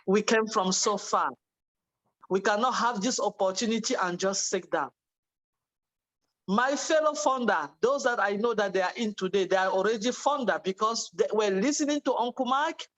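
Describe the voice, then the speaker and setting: Woman, from Cameroon, fervent, repetitive, fairly high voice, video call. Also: fairly bright tone, rough recording. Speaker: webinar participant. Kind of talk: testimonial speech.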